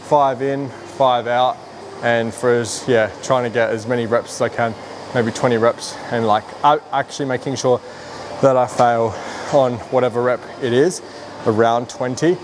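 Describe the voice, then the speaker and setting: Man vlogging casually over clear background noise. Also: medium pitch, steady tone, moderate pace. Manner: informal, rambling explanations. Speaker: fitness vlogger. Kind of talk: casual workout vlog, explaining as they train. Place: gym. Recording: noisy room with ambient hum.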